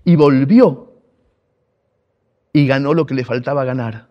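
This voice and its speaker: Hombre argentino de mediana edad, narrador de radio; cuento personal, reflexivo y sentido, con pausas enfáticas. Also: male voice, mid-range voice, muffled recording. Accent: Argentine Spanish. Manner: reflective, heartfelt storytelling with emphatic pauses. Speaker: storyteller.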